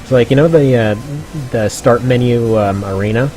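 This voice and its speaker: A man's voice: mid-range voice, moderate pace, a little mellow, faint music behind. A man giving chatty, casual commentary on a game stream, laughing often.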